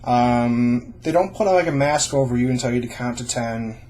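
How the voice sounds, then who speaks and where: A man's voice: mid-range voice, moderate pace, darkish tone. A young adult man talking informally and reassuringly to camera, explaining things in a casual vlog style. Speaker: vlogger sharing own surgery experience.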